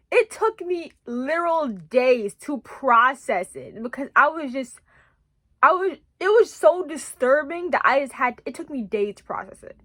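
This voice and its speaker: A young woman vlogger chatting casually, rambling and excitable, with many restarts and emphatic repeats. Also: high voice, no echo, studio quality. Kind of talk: casual chat.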